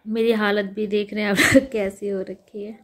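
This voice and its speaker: A woman, sick and recovering from a fever, chatting casually in a home vlog while lying in bed, speaking softly and wearily. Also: medium pitch, flat delivery, moderate pace. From India. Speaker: vlogger.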